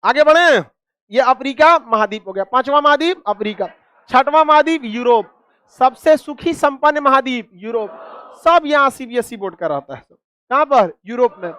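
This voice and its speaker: A man's voice: very high-pitched, animated, normal speed, fairly bright tone, clean tone, dry recording, clean studio sound. A man teaching a class, quizzing students with repeated questions and cracking jokes. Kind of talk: classroom lecture with call-and-response.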